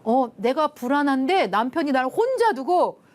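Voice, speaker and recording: Animated Korean woman lecturer, lively pitch. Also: moderate pace. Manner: animated storytelling, acts out quoted lines; drops to soft hushed tones at tender moments. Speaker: lecturer, love institute director. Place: TV studio.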